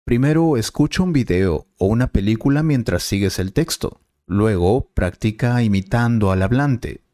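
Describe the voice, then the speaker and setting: A man as a Spanish teacher, explaining clearly and patiently in a scripted lesson dialogue. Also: on the low side, animated, normal speed, dark tone, dry recording, clean studio sound.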